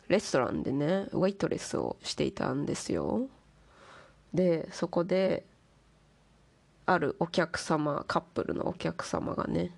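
A woman's voice: fairly low pitch, vocal fry. A woman host chatting casually in a monologue, playfully putting on ornate, polite refined-lady speech. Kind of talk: casual monologue talk to listeners.

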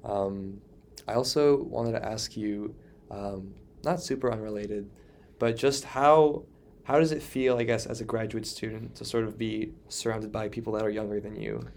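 A young man speaks in a low, gravelly voice with lots of vocal fry, asking questions in a friendly, casual way. A faint hiss of background noise runs under him. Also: steady tone, moderate pace, darkish tone. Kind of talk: casual conversation.

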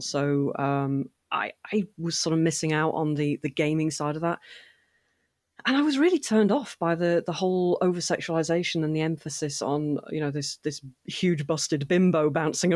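A woman chatting as a podcast guest, animated and quick to laugh, often restarting her sentences. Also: deep voice, no echo, clean studio sound. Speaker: podcast guest, fan voice actor and writer. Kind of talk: casual interview conversation.

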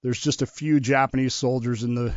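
A man's voice: mid-range voice, steady tone, fairly quick, dry recording, dull audio. A man telling stories and explaining history as a guest on a talk radio show. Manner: storytelling, explanatory.

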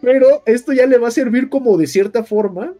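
A man's voice: very high-pitched, a little fast, mellow, faint music behind. A man with a Mexican accent casually retelling a story in slangy, sweary speech, acting out the characters' dialogue as he goes. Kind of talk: casual, animated story recap with acted-out dialogue.

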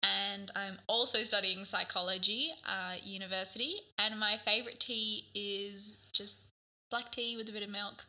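Bright young Australian woman co-host. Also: mid-range voice, normal speed. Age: young adult. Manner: relaxed, upbeat, loose and chatty. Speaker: podcast co-host. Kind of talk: casual chat.

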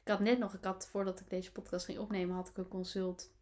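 A woman's voice: mid-range voice, little pitch movement, fast, a little mellow. Woman, animal-coach podcast host; casual solo monologue with plenty of "ehm" and restarts. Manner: reflective, many fillers and restarts.

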